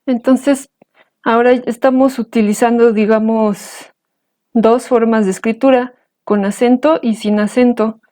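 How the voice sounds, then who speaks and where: Woman teacher, fairly high but mellow voice, patient, careful delivery. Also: fairly even intonation. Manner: slow, careful, patient explanation. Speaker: language teacher. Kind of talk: explaining and pronouncing example words.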